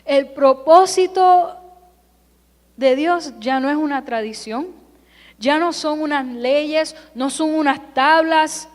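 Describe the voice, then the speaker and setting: Preaching a Sunday sermon in a church sanctuary, a woman who grew up in California leans on emphatic parallel phrases that repeat. She speaks slowly in a high voice, and a long hall reverb trails her words.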